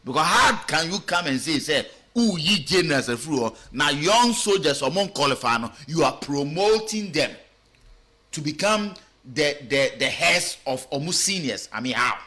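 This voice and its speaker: Animated Ghanaian man arguing politics. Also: a little high, normal speed. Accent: Ghanaian English with Twi. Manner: animated, rhetorical questions, mixing English and Twi. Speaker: political commentator. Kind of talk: radio talk show commentary.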